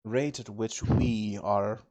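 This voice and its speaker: Slow, halting man with a low voice. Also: fairly even intonation, a little mellow. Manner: halting, searching for words. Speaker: player. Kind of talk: casual game chat.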